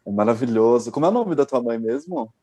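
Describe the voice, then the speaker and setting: A man's voice: medium pitch, animated, fast, warm tone, husky, no room sound. A male host, telling stories in casual chat and often restarting his sentences. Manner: chatty, hesitant restarts. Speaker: podcast host.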